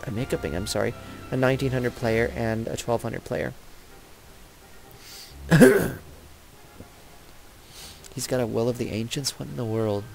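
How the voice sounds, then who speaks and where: A man's voice: mid-range voice, unhurried, gravelly, pauses often, darkish tone. A young man giving casual, rambling commentary over his own video game match, often correcting himself. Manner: chatty, rambling, self-correcting. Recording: game music and sound effects behind.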